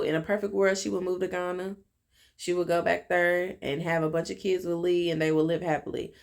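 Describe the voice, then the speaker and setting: A young woman recaps a TV episode in a loose, chatty way, sprinkling in fillers and acting out lines of dialogue. Her voice sits low and carries a gravelly, fry-tinged texture. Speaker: TV episode reviewer. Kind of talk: casual recap monologue.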